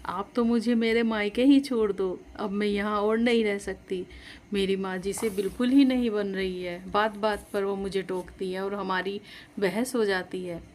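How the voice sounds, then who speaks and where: A woman's voice: medium pitch, fairly even intonation, a little slow, darkish tone, slight background noise, natural voice. A woman voicing a modern young daughter-in-law who argues eagerly and persuasively in a storybook tale. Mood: tearful.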